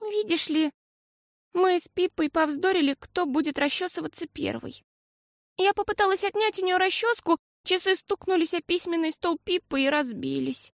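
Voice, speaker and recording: A high cheeky little girl, as a woman reads her. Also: creaky, dry recording, clean studio sound. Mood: sheepish. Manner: bright, fast, teasing chatter. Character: mischievous fibbing little girl.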